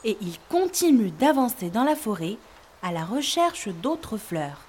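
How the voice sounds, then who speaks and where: A woman narrating a children's story in a clear, expressive storytelling manner for learners. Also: on the high side, unhurried.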